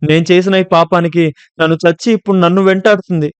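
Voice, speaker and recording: Man doing a young college woman, scared and angry, tearful shouting, raised pitch, dry close sound. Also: steady tone, fast, smooth, no room sound, close to an everyday voice. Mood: scared, accusing. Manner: shouting accusingly through tears.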